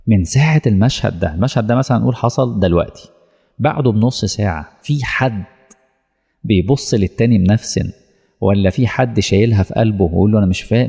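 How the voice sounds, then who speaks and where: Egyptian male preacher, quick storyteller, husky dark voice, long hall reverb. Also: lowish voice. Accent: Egyptian Arabic. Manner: colloquial storytelling, acting out dialogue. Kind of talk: sermon.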